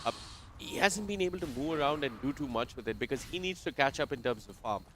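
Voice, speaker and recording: A man co-casting a live esports match, energetic and analytical. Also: medium pitch, quick pace, music in the background. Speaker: esports co-caster. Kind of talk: live game commentary.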